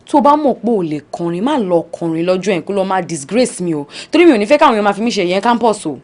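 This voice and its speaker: A woman's voice: medium pitch, very animated, rapid-fire, darkish tone, natural voice. A woman with a Nigerian accent playing a sceptical, bossy campus friend, scolding and insistent in conversational film acting. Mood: doubtful. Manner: scolding, insistent, repeats herself.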